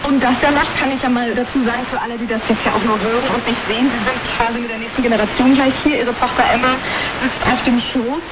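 A woman presenting a live radio show in a warm, welcoming way as she introduces her guests. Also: on the high side, fairly even intonation, fast talker. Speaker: radio host. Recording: dull shortwave broadcast with loud hiss.

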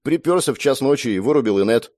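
A man's voice: medium pitch, expressive, fast talker, a little mellow, no echo, clean studio sound, voice pushed up, close to an everyday voice. A man voicing a boastful, cheeky teenage boy who teases his older sister. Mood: cocky. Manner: boastful, cheeky, whiny when dreaming. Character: cocky teenage boy, younger brother, daydreamer.

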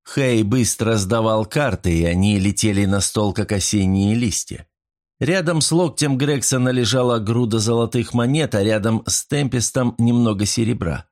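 A man reading a story aloud in measured scripted narration. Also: on the low side, darkish tone.

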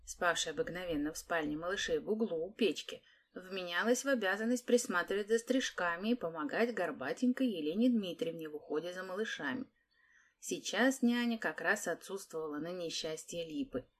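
A woman narrating a children's story as an audiobook in an even storytelling manner. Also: lowish voice. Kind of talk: scripted narration.

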